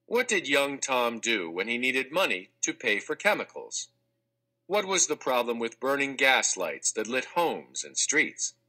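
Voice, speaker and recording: Reading a children's textbook aloud, the male audiobook narrator keeps his voice at medium pitch. The scripted narration comes across as clear, expressive and measured.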